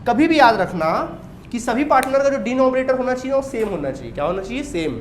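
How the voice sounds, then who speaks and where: Indian male commerce teacher, high voice, echoey classroom with faint room hum; explains step by step and answers his own questions. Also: very animated, fast talker. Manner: asks rhetorical questions and answers them himself; explains step by step while writing on a board. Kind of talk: classroom lecture. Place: coaching classroom.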